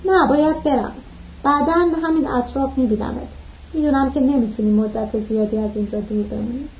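A woman reading the lines of a calm, practical man travelling with the narrator, in a matter-of-fact manner, in a dull lo-fi recording. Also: sits high, slight background noise.

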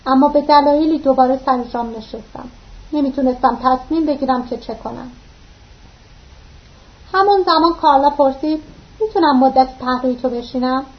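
A woman narrating a novel aloud, reading steadily and voicing the dialogue lightly, with occasional slips and restarts. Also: sits high. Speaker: audiobook narrator. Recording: dull lo-fi recording.

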